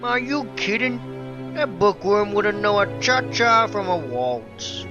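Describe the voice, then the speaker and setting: A man's voice: high voice, animated, slow. Man as a brash, sneering teen jock, hammy. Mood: mocking. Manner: mocking, brash. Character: sneering cocky high-school jock. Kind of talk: hammy dramatic reading. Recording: roomy, dull lo-fi, music behind.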